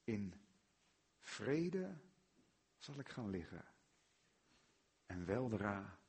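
A man with a Netherlands Dutch accent preaching a sermon, firing rhetorical questions and swinging from hushed tones to loud emphasis. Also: lowish voice, sing-song, drawn-out words, creaky, slightly rough.

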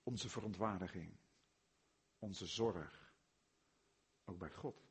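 Husky Dutch preacher, slow and emphatic. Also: male voice, low voice. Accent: Netherlands Dutch. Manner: rhetorical questions, swings from hushed to loud emphatic. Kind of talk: sermon.

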